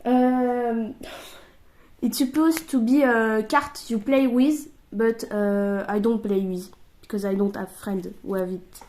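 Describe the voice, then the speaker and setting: A young woman streaming from a table at home, chatting casually while opening card packs and slipping into halting English. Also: on the high side, steady tone, a little mellow. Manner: chatty, thinking aloud, switching into halting English.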